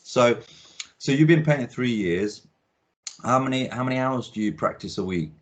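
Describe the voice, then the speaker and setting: A man of medium pitch, with lively intonation and a moderate pace, hosts a casual video-call interview as an art critic. He speaks in a rambling way, stumbling into ums and restarts. The sound quality is dull and lo-fi.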